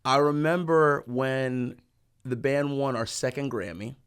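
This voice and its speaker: A man in his thirties, a guest in a casual interview, telling stories in an animated way and acting out what people said. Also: medium pitch, unhurried, clear, resonant tone. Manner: animated, acts out quoted people.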